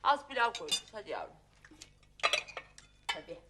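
A woman's voice: medium pitch, huge pitch swings, normal speed, very noisy. An actress playing a fiery middle-aged mother who scolds her family and her husband. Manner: scolding, sharp-tongued, flares into shouting. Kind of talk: TV comedy-drama acting.

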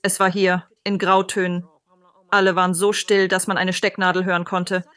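A woman's voice: lowish voice, level tone, moderate pace, fairly bright tone, clear, resonant tone, no echo. A woman from Britain, a psychic medium, telling personal stories in an interview and acting out the quoted dialogue.

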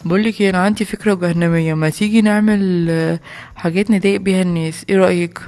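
A woman's voice: on the low side, steady tone, darkish tone, lightly acted. A woman with an Egyptian accent voicing a mischievous young boy prankster in a toy play video. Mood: scheming. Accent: Egyptian Arabic. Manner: scheming, rapid chatter.

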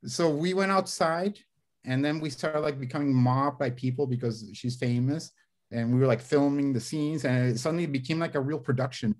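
A man with a mid-range voice and a steady tone rambles at a moderate pace on a video call, full of fillers and restarts, gesturing as he talks. He's a screenwriter guest whose first language is Spanish, in a casual interview from a home study lined with bookshelves. The audio comes through a webcam.

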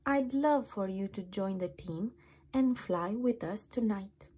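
A woman voicing a kindly, elderly Santa Claus in a storybook, with a soft, breathy voice. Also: medium pitch, slow. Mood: delighted. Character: jolly old Santa Claus, kindly, busy.

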